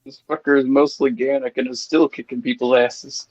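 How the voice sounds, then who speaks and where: A man's voice: medium pitch, level tone, moderate pace, a little mellow, dry recording. A man playing a tabletop game, chatting casually, joking and swearing freely. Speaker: player. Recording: dull, dry lo-fi mic.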